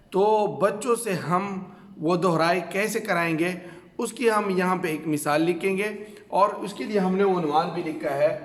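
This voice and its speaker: A man's voice: fairly high pitch, a bit bright. A man with a Pakistani Urdu accent teaching a reading lesson at a board, drilling questions and answers with frequent filler sounds. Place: classroom with a board. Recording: echoey room with long reverb.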